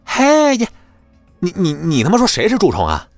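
A man voicing a brash, bullying young hanger-on of a rich family who sounds shrill and crude. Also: big pitch swings, fast, no echo, faint music behind. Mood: blustering.

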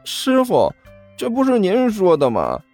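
A man's voice: high-pitched, wildly swooping pitch, measured pace, a little mellow, faint music behind, voice pushed up, full character voice. A man voicing an eager, distracted young male apprentice in a raised, pleading voice.

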